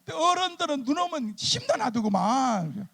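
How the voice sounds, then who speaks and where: A middle-aged male pastor preaching at a church revival meeting. His voice sits very high for a man and has a gravelly, creaky grain. He talks in a chatty, animated way and acts out the people in his stories. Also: normal speed. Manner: chatty and animated, acting out church members' lines. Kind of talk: humorous storytelling sermon.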